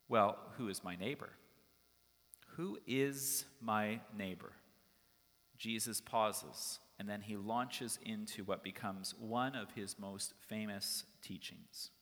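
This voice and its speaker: A man delivers a sermon from the pulpit, his voice sitting a little low. He talks through the story in a relaxed, conversational way, sometimes stopping on an "uh". The church around him adds a long, ringing reverb. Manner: conversational, storytelling, with occasional fillers. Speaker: pastor. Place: church sanctuary.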